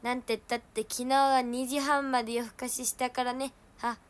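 A woman's voice: high-pitched, little pitch movement, brisk. Chatty young woman with Hiroshima dialect. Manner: chatty, laughs at herself, loud when acting out quotes. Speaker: idol livestream host. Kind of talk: casual livestream chat.

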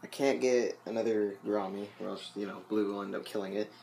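By a fish tank at home, a young aquarium vlogger chats to viewers in a lowish, gravelly, slightly mellow voice, steady and a little fast. He rambles with lots of fillers and asides, his voice a bit loose, over slight background noise.

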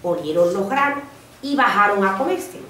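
Parent storyteller, woman, animated and expressive, recorded in an echoey room from a distance. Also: medium pitch, fairly quick. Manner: lively, expressive, with restarts. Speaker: parent reading aloud at school. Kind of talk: storytelling to children. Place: school room. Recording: echoey room, mic far off.

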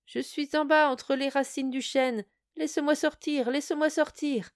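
A woman's voice: high voice, fairly even intonation, a little slow, voice pushed up. A boastful, tricky male spirit from a fairy-tale bottle, put on by a woman reading the story. The voice sits well above her own, thin and pleading, with a menacing edge when he boasts. It is an audio storybook reading.

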